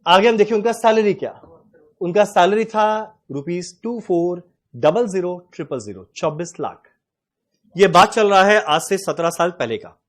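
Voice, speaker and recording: A man in his forties teaching a class, explaining with animated anecdotes and acting out dialogue. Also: sits high, unhurried. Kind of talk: classroom lecture with storytelling.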